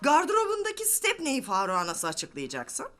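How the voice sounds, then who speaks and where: A woman's voice: high-pitched, wildly swooping pitch, moderate pace, fairly bright tone, some chatter behind, heavily acted. An actress playing an exasperated, indignant woman who is being passed off as a husband in a sitcom. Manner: indignant, protesting at her sister. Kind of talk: sitcom acting.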